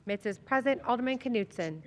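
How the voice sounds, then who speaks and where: Woman clerk crisply reading a roll call. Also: fairly high pitch, lively intonation, brisk. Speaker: council clerk.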